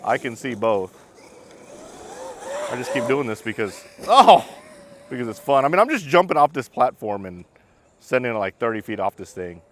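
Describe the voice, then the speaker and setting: A man doing casual outdoor vlog commentary about RC cars, excited, exclaiming and laughing as he drives. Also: medium pitch, normal speed, pauses often, a little hiss or hum. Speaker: RC car vlogger.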